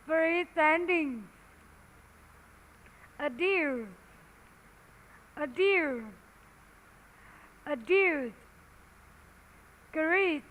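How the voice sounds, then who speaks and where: A woman teacher with a Vietnamese accent, whose first language is Vietnamese, drilling English words one at a time and repeating each one clearly and deliberately. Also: very high-pitched, sharp tone, poor audio. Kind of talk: slow word-by-word pronunciation drill.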